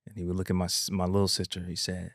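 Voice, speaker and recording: A man's voice: sits low, completely flat delivery, very fast, a bit bright, dry recording, studio quality. Earnest man telling a personal story. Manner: earnest, emphatic, peppered with "man" and "bro". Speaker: podcast host.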